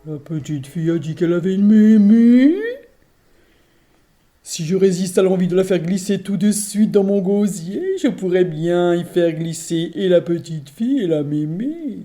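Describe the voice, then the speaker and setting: Woman voicing a sly hairy ogress, loud and gruff. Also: fairly low pitch, a little slow, soft background music, close to an everyday voice. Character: greedy hairy female ogress, sly and gluttonous.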